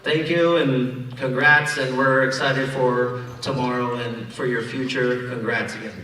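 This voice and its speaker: A man's voice: mid-range voice, level tone, unhurried, very noisy. A young man giving a joking, teasing wedding toast as a groomsman. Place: hotel banquet hall. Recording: echoey hall from far off, crowd.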